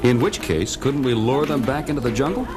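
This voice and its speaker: A man plays a decisive reporter hero in an old radio show adventure. His medium-pitched voice swings widely as he tells of disaster with dramatic urgency, over background music. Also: expressive, brisk, a crowd in the background, close to an everyday voice. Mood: resolute. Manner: dramatic storytelling delivery.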